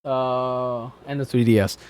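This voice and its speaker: A man with an average-pitched voice rants off the cuff as he reacts to a video. He is exasperated and sweary, argues back bluntly, and keeps tripping over his words and restarting. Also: steady tone, darkish tone, a little hiss or hum. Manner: exasperated, sweary, argumentative ranting; halting, stumbling over words, self-correcting. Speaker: reaction commentator, gamer. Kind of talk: off-the-cuff ranting commentary on a video.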